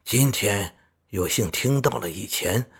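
A man's voice: on the low side, animated, unhurried, vocal fry, breathy edge, full character voice. A man voicing a stern old male fox-spirit patriarch in a storybook reading, speaking in a grave, formal, courteous way.

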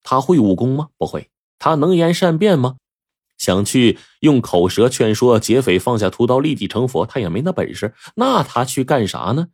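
A man telling a story in a lively, chatty way, with asides and rhetorical questions to the listener. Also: medium pitch, normal speed, husky, no echo, clean studio sound. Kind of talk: storytelling narration.

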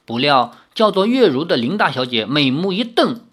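A narrator reading a martial-arts novel aloud in an animated storytelling manner. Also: mid-range voice, normal speed. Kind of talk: audiobook reading of a wuxia novel.

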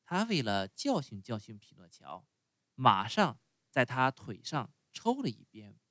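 A man reading a children's storybook aloud as a parent, expressive and speaking directly to the kids. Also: medium pitch, measured pace, no echo.

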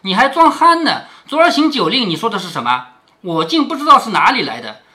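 A man's voice: high voice, big pitch swings, fairly quick, pushed and bright, heavily acted. A man reading the lines of a composed young noblewoman who teases her friend with mock sternness, in a slightly raised voice. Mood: teasing. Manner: mock-stern, playful teasing.

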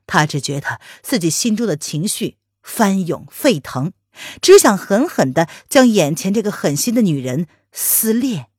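A woman narrating a palace romance novel as an audiobook, in an expressive storytelling manner. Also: medium pitch, a little slow, slightly rough, no room sound, studio quality.

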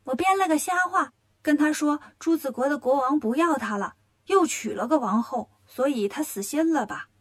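A woman voicing a cheeky, cocky monkey king in a children's storybook tale, talking briskly. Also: high-pitched, lightly acted. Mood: sly.

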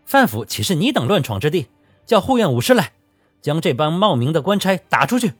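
A man's voice: medium pitch, expressive, a little fast, husky, no room sound, faint music behind. A man playing a haughty household steward. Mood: furious. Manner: polite but veiled threats, then enraged. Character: proud middle-aged male steward of a rich house.

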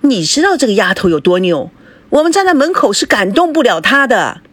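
A woman's voice: fairly high pitch, very animated, brisk, fairly bright tone, husky, no echo, pitched above the performer's own voice, full character voice. A woman voicing a shrewd middle-aged mother who fusses and persuades. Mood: scolding. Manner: fussing, persuasive.

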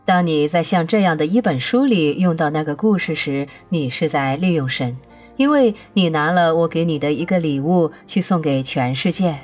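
A woman gives voice to a patient, all-knowing divine speaker who explains calmly and presses each point home, in a lowish register. Faint music runs beneath the audiobook reading. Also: normal speed. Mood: serene.

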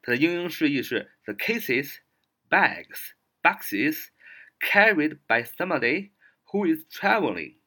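A man's voice: a little high, big pitch swings, slow pace, sharp tone. A man whose first language is Chinese teaching English exam vocabulary, spelling words letter by letter with frequent "ah" fillers.

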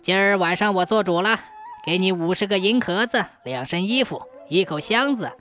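A crafty old village medium, put on by a female storyteller, who scolds and then bargains in a homely, folksy manner. Her voice stays mid-pitched over a faint music bed. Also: normal speed, a bit bright, close to an everyday voice. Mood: coaxing. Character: old village spirit medium, shrewd and coaxing.

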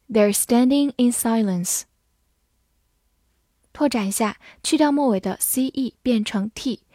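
A young woman teaching English vocabulary in a scripted lesson, spelling words out and reading model sentences slowly and clearly. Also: a little high, darkish tone, no echo, studio quality.

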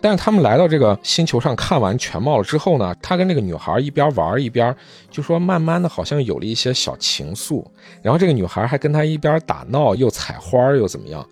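Animated man retelling a manga story. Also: medium pitch, fast, slightly rough, faint music behind. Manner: animated retelling, briefly voicing characters in quotes. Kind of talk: casual storytelling chat.

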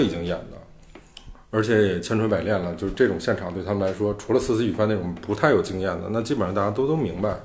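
A man hosting a podcast, explaining music theory in loose, casual talk. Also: fairly low pitch. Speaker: podcast host. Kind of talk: casual chat.

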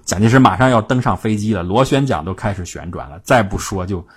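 This man has a lowish, slightly rough voice and talks fast with lively intonation. He's a history storyteller, telling stories of the past in a chatty, colloquial way, with plenty of filler sounds.

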